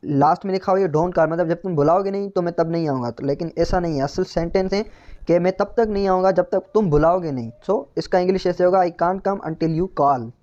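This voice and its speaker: Young man, grammar tutor, high mellow voice, slow deliberate example reads. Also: lo-fi sound. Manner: reads example sentences slowly and deliberately, then explains conversationally. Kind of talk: explaining grammar errors in Hindi-Urdu with English examples.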